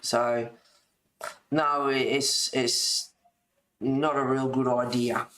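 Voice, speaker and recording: A middle-aged woman with a smoker's rasp chats in a loose, rambling way. She sounds like a casual host talking to her viewers, giggly and informal. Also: very deep voice, fairly even intonation, very slow, fairly bright tone. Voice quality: raspy smoker's voice with a cough. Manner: rambling, giggly, reading aloud and replying to viewers. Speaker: host of a colouring video. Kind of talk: casual chat to live viewers.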